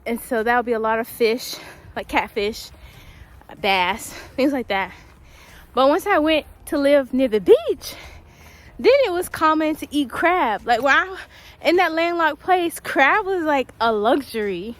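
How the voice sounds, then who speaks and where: Young woman, vlogger, walking outdoors, slightly out of breath, chatty, fairly high voice. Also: expressive, measured pace. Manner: chatty, laughs often, many ums. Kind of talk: casual talk while walking outdoors. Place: outdoors on a quiet wooded trail in winter.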